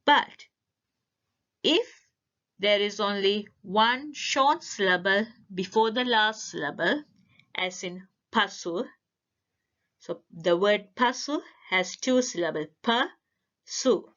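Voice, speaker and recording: A woman giving a language lesson, explaining grammar step by step with careful, deliberate phrasing. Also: medium pitch, animated, a bit bright, dull audio. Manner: careful, deliberate word-by-word delivery. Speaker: language teacher. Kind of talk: slow instructional explanation.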